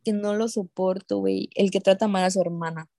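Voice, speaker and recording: Indignant young woman, mellow voice. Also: medium pitch, steady tone, fairly quick, no room sound, clean studio sound. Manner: indignant, swearing, retells others with quoted voices. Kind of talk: casual chat.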